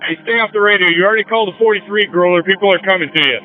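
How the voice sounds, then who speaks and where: A police supervisor giving brisk, commanding orders over a police radio transmission. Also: male voice, high voice. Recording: tinny police radio with faint music.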